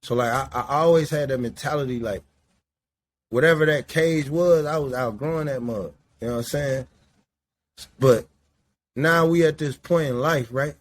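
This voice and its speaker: Indoors with a cigarette, a Midwestern podcast host in his late forties talks casually, wandering and swearing freely. His voice sits at medium pitch and moves at a moderate pace.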